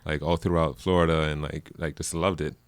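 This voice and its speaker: A man from Jamaica with a very deep voice chats casually as a guest, rambling with plenty of fillers and easy laughter. The recording is dry and close. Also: brisk, dry recording. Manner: laughs often, relaxed rambling with many fillers. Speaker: musician guest. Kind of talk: casual interview chat.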